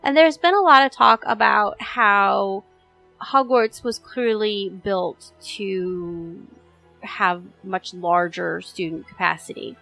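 Gravelly-voiced woman podcast co-host. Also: medium pitch, takes it slowly, fairly bright tone, faint music behind, poor audio. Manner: thoughtful, explains at length with fillers. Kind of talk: casual chat.

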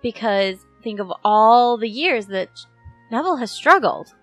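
A woman's voice: on the high side, animated, a little slow, over music. A woman co-hosting a casual podcast chat about a book chapter, chatty and explaining plot points plainly. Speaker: podcast co-host.

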